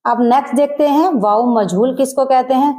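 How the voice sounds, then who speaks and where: A woman with an Urdu accent teaching a grammar lesson, explaining terms and slowing down to pronounce example words carefully. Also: high-pitched, dark tone.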